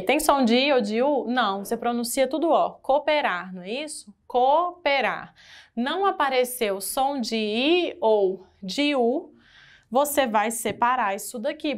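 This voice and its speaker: Brazilian woman teacher, somewhat high voice, lively exam-prep lesson that keeps quizzing the class. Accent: Brazilian Portuguese. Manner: lively, asks the class questions. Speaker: Portuguese-language teacher.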